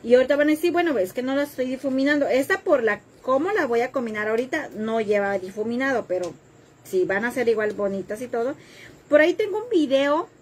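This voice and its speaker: A woman's voice: fairly high pitch, expressive, fairly quick, darkish tone, slight background noise. A woman hosting a live craft tutorial, chatting with viewers and joking about herself while she cuts. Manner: chatty and self-deprecating, reads viewer comments while working.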